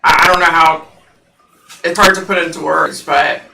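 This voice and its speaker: This psychic livestreamer has a low, husky, scratchy voice with vocal fry, fairly even intonation and a sharp edge, speaking at normal speed. She rambles casually with viewers from home, using lots of fillers, recorded roomy and away from the mic.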